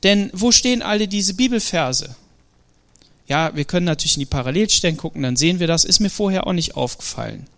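A man preaching a Sunday sermon in a lively, animated way, with frequent fillers and hesitations. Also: high-pitched, brisk. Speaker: pastor.

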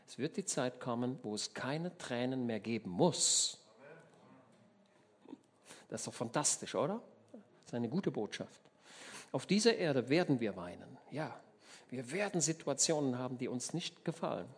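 Preacher, male, from Germany: animated storyteller who keeps asking the congregation questions, mid-pitched voice. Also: moderate pace, pauses often, husky. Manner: lively storytelling, acts out voices, asks the listeners questions. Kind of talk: sermon.

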